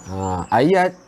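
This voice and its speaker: A man teaching Quran recitation in a live lesson from a garden, relaxed and chatty, drawing out example words slowly. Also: mid-range voice, slight background noise. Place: outdoors in a garden with birdsong. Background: birdsong.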